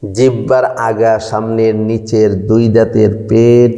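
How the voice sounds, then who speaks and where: A man teaching Arabic letter pronunciation in a slow, measured lesson, drawing out each letter sound. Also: lowish voice, level tone, gravelly, mellow, big-room sound. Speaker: Quran recitation teacher. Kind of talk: slow instructional explanation.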